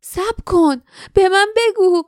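A woman's voice: sits high, lively intonation, mellow, dry recording, clean studio sound, voice pushed up. A woman voicing a brave, anxious young heroine in an audiobook, speaking urgently and pleadingly. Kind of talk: audiobook character voice.

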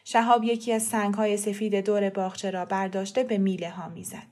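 Calm woman narrating an audiobook. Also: mid-range voice. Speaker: storyteller.

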